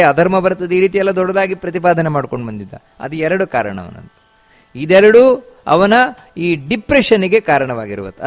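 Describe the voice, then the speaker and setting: Male scripture teacher, high voice, chanted verses, rhetorical questions. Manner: repeats key phrases, asks rhetorical questions. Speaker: religious teacher.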